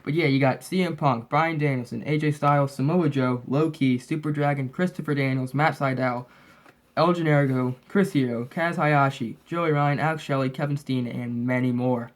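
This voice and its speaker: A man's voice: medium pitch, fairly even intonation, normal speed. A man with a lisp from braces and a slightly sick, sniffly voice, chatting casually and ramblingly as he shows off his collection as a host. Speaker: host of a wrestling DVD collection update. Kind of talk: casual, rambling show-and-tell chat.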